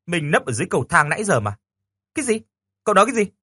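A bossy teenage girl who shrieks and scolds in sharp bursts, as a male storyteller puts her on. Her voice is high, tense and husky, swinging wildly in pitch. It sounds dry and close, with no room around it. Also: sing-song, racing, no echo, heavily acted. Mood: indignant. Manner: squeals and scolds in outbursts. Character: shrill bossy teenage girl, quick to shout.

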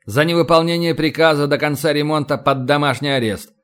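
A man's voice: on the high side, steady tone, a little fast, fairly bright tone, clear, resonant tone, close to an everyday voice. A man voicing a stern middle-aged navy captain who gives clipped commanding orders.

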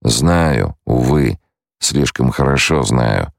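Audiobook role: a proud blind young ruler, firm commands, read by a man with a very low, dry voice. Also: expressive, takes it slowly, creaky, dry recording, full character voice. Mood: stern.

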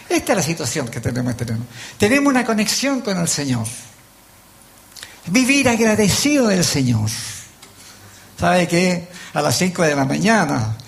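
A man's voice: fairly high pitch, vocal fry. An older man with a Chilean accent preaching a sermon, telling folksy stories and acting out the voices in them. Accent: Chilean Spanish. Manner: folksy storytelling, acts out voices. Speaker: lay preacher.

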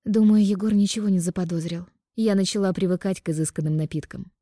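A woman's voice: medium pitch, fast, dark tone, dry recording. A woman narrating a first-person audiobook in a dry, ironic, composed manner. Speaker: audiobook reader.

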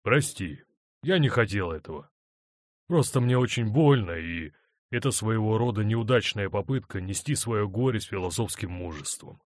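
A man's voice: fairly low pitch, lively intonation, moderate pace, no room sound, clean studio sound, lightly acted. A man voicing a hurt middle-aged husband who speaks in a bitter, wry, controlled way.

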